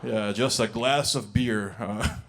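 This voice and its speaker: Slightly muffled by background noise, a young American man with a lowish voice and fairly even intonation takes his time on a big music hall stage. His stand-up is loose, chatty storytelling with fillers and acted-out quotes.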